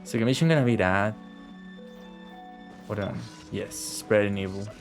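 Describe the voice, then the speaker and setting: A game streamer with a lowish voice talks at normal speed, offering offhand live commentary while he plays, swearing and muttering to himself. Faint music plays behind him.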